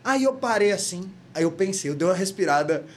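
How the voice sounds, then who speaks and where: A man's voice: high voice, lively intonation, fairly quick. A man from northern Brazil, a guest singer, telling a story in casual podcast chat, full of slang and quoted dialogue. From Porto Velho, Rondônia, Brazil.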